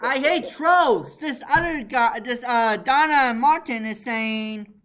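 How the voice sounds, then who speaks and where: A high-voiced man hosts a podcast with casual chat, sounding excitable and laughing easily. His pace is slow.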